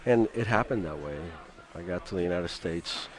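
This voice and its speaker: Radio guest: deep-voiced Cuban-born musician in his fifties, relaxed and chatty. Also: moderate pace. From Cuba. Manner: chatty, laughs often, many restarts. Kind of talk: radio interview.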